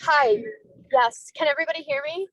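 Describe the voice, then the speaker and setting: A young woman speaks on a call while she drives, heard through a car speakerphone. She sits back from the mic in a dry, close space. Her pitch is a bit high, and she talks quickly and apologetically. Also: fairly bright tone, no room sound, rough recording. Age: young adult. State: talking while driving. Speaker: student committee member. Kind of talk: meeting introduction on a video call.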